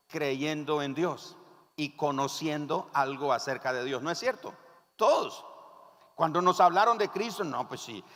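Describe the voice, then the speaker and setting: A pastor with a Nicaraguan accent delivers his sermon in an animated storytelling style, his fairly high voice rising and falling with wide swings. He calls on the congregation to repeat his phrases after him. The voice carries a long reverb from a large church hall. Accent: Nicaraguan Spanish.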